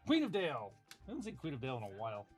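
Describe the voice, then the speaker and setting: A man's voice: medium pitch, huge pitch swings, racing. A man hosting a live card-opening stream, announcing each pull with upbeat, brief remarks. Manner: upbeat, announcing pulls and names. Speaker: card break host opening packs. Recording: faint music behind.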